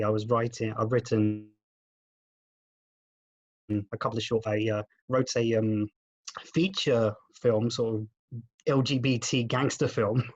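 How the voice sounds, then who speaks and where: A man on a group video call, his audio glitching and cutting out over a weak connection, talking in a halting, candid way. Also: medium pitch, a little mellow, dry recording, lo-fi sound. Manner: halting and candid, with frequent restarts. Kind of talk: casual video call check-in.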